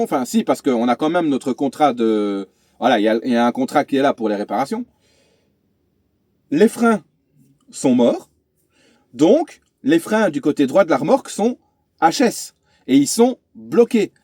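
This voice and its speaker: A man's voice: fairly high pitch, very animated, moderate pace, pauses often, darkish tone, dry recording, clean studio sound. Chatty man telling a road story. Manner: chatty, many fillers and restarts. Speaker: truck driver vlogger. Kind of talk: casual vlog storytelling. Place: inside a truck cab.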